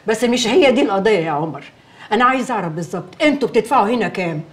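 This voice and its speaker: A woman's voice: mid-range voice, lively intonation, very fast, lightly acted. An actress with an Egyptian accent playing an older mother who scolds and complains, repeating herself in exasperation. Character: fussy older mother, thrifty and restless. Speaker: mother-in-law.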